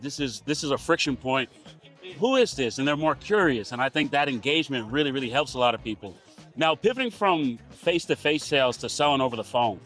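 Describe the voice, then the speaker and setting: A man hosting a podcast, relaxed, telling stories and asking questions in a casual interview. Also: medium pitch. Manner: relaxed, storytelling, asks questions. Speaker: podcast host.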